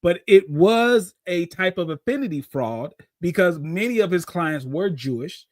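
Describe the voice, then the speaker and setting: A man with a fairly high voice hosts a live call-in show, explaining things at length in a loose, conversational way. The sound is dry and close, with no room around it. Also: no echo. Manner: conversational, explains at length, brings callers on air. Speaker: host.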